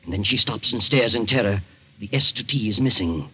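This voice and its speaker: A man with a very deep voice narrates in a measured, suspenseful way. The recording is dull and scratchy, like an old broadcast, with loud music playing underneath. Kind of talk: scripted narration.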